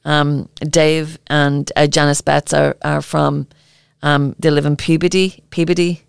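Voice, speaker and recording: Irish lady podcast cohost, super gravelly, lots of ums, dry close mic. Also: low-pitched, monotone, no echo. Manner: earnest, halting, with many filler ums. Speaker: podcast co-host. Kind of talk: casual podcast chat.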